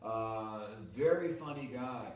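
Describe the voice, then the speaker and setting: A man's voice: medium pitch, slow, a little mellow. A man in his sixties from California, a guest musician recalling his past in a candid, reflective way. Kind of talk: casual interview chat. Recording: echoey room, distant mic, faint noise.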